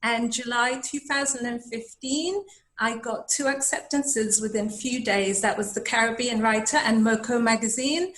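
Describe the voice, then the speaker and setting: A woman from Dominica with an English accent, a poet who chats briskly and then recites her poem slowly over a video call. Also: fairly high pitch, a bit bright, poor audio. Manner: brisk chat, then slow measured recital. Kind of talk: poetry reading on a webinar.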